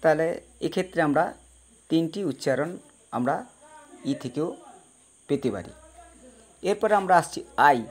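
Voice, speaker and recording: A male teacher giving a pronunciation lesson, slowly spelling out words and patiently repeating each sound for his students. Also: on the high side, lively intonation. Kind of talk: spoken English pronunciation lesson.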